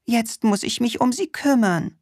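A worried storybook witch with a very high, wavering voice, put on by a woman reading aloud. She frets and stammers more than she frightens. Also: animated, a little slow, darkish tone, no echo, clean studio sound. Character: fretful, helpless female storybook witch.

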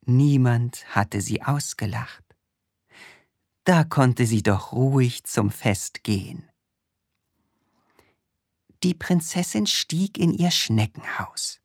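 A woman calmly and expressively reading a children's storybook aloud. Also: extremely low pitch, dry recording, studio quality. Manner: calm, very slow and expressive.

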